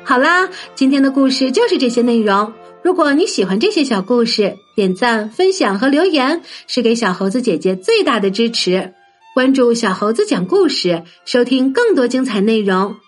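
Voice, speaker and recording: High, sing-song female storyteller. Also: expressive, normal speed. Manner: gentle, sing-song, talks to children. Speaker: children's storyteller. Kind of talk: scripted bedtime story narration. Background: soft background music.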